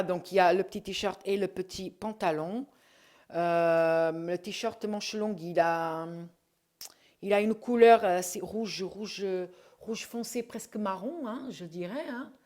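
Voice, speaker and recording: A middle-aged woman chatting casually at home as she shows off a shopping haul, hesitating often with drawn-out fillers. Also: on the low side, darkish tone. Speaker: vlogger showing her shopping haul.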